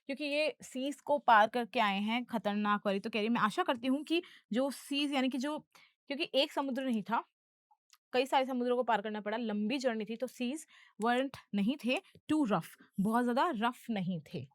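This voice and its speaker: A woman's voice: a little high, normal speed, no room sound, clean studio sound. A woman English teacher explaining film dialogue in a lesson, patient and going through each term step by step.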